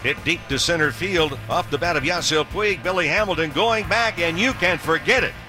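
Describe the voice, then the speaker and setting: Male baseball play-by-play caller, slightly high voice, home run calls over a music bed. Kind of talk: home run call commentary. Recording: broadcast call with music over it.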